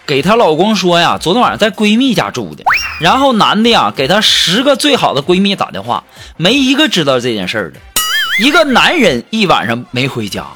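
A man tells one comic anecdote after another, his high voice swooping all over the place. He jumps in and out of the people he quotes. Music plays clearly behind him throughout. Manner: animated, acts out quoted people in shifting voices. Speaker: comedic storyteller. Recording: with background music.

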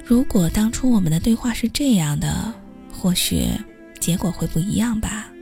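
Gravelly-voiced woman narrating a story. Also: mid-range voice, lively intonation, moderate pace, warm tone, faint music behind. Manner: wry, self-mocking storytelling. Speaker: podcast host reading a story. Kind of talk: first-person story narration.

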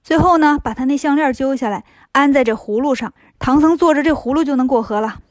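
A woman's voice: high voice, brisk, no room sound, studio quality, natural voice. A woman voicing a wise, patient female goddess in a storybook reading, chiding and patient.

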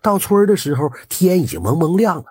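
Husky man telling a lively folk tale. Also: high voice, no room sound. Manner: lively, intimate storytelling with drawn-out particles. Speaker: storyteller. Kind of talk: oral folk storytelling.

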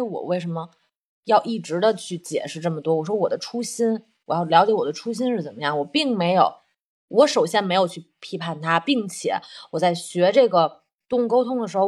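Husky woman telling a personal story. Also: mid-range voice. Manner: earnest, self-reflective, explains at length.

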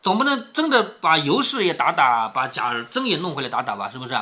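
Lively man explaining a classic story. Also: on the high side, fast. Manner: explains with chuckles and rhetorical questions. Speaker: father reading to his daughter. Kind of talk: storytelling reading with commentary.

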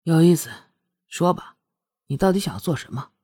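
A woman narrator putting on a haughty young prince for a storybook, his voice dropped well below her own and a little husky. He speaks offhandedly, with an unshakable confidence. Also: extremely low pitch, brisk, dark tone, no echo, studio quality, voice pushed down. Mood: drawling, confident. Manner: lazy, casual yet confident tone. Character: proud, self-assured young male prince.

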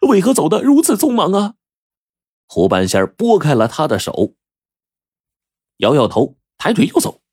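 A man storyteller narrating a folk tale in a lively, casual way, drawing out his sentence endings. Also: lowish voice, breathy edge, no room sound, studio quality.

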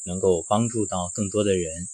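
A man hosting an interview, summing up the guest's story in a measured, formal way. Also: deep voice, steady tone, darkish tone, husky, no room sound. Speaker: interview host. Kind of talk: hosted interview.

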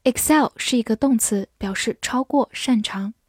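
A woman's voice: on the high side, breathy edge, dry recording, studio quality. Patient woman teaching English words. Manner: patient, spells letters out and repeats slowly. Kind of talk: vocabulary lesson, spelling and slow read-alouds.

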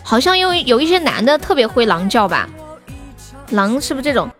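A woman's voice: a little high, big pitch swings, brisk, fairly bright tone, faint music behind. A playful young woman from Sichuan chatting on a livestream while gaming, giggling and letting out yelps and shrieks. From Sichuan, China.

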